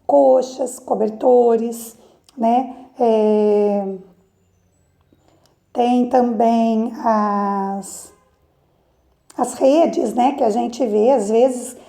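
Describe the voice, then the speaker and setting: A Brazilian woman teaching children in a remote class, explaining slowly and checking in often with the kids. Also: on the high side, fairly even intonation, gravelly, mellow. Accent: Brazilian Portuguese. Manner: slow explaining with frequent "né?" and "tá?" checks.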